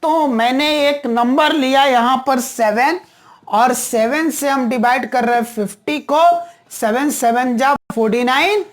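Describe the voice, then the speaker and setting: A woman's voice: high-pitched, unhurried. A woman teaching a maths lesson, patiently repeating each step and answering her own questions.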